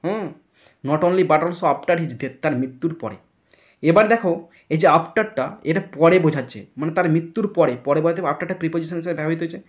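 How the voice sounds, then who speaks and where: A man's voice: on the high side, moderate pace. A man teaching an English grammar lesson, explaining step by step, spelling words out letter by letter and checking if students follow. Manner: checks understanding with repeated questions.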